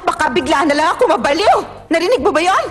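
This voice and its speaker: A woman playing a sharp-tongued young woman scolding her older sister in a dubbed drama. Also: extremely high pitch, big pitch swings, fast talker, heavily acted. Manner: scolding, exasperated.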